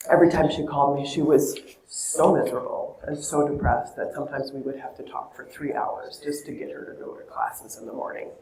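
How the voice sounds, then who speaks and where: Speaking to an audience in an echoey event venue, this woman in her fifties has a low, mellow voice with a sing-song lilt and a normal pace, over slight background noise. Her personal stories come across as heartfelt, earnest and conversational.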